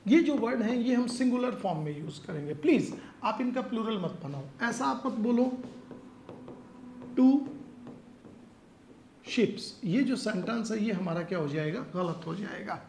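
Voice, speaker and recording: A man teaches an English grammar lesson for competitive exams. He explains in Hindi, mixes in English, reads example sentences slowly and keeps checking in with his students. The room echoes, with a faint noise behind him. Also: high-pitched, lively intonation, darkish tone. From India. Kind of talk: exam-prep grammar lesson.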